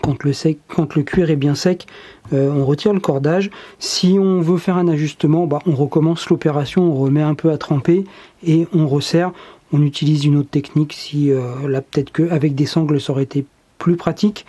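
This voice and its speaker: A DIY tutorial host explaining a workshop task step by step in a relaxed, casual way, pausing often with fillers. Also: medium pitch. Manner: relaxed, hesitant, many filler pauses.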